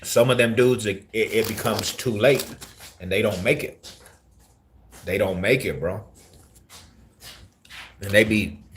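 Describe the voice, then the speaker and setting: A man's voice: fairly low pitch, a bit bright, a little hiss or hum. A man in his forties telling his story on a casual live stream, slangy and repeating himself, calling the listener bro. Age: 40s.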